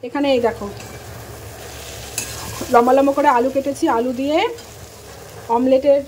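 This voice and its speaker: A woman vlogging casually from her home, chatting to viewers and scolding her daughter, her throat a little hoarse. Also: sits high, little pitch movement, moderate pace, a little mellow, slight background noise. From Bengal. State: throat slightly hoarse lately. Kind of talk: casual home vlog chat. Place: home kitchen and bedroom.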